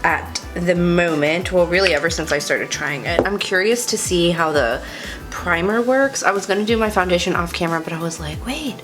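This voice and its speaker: A woman's lowish voice, at normal speed and set over music, belongs to a young adult beauty vlogger. Slightly congested and sniffly, she chats casually through a makeup tutorial, confiding and poking fun at herself.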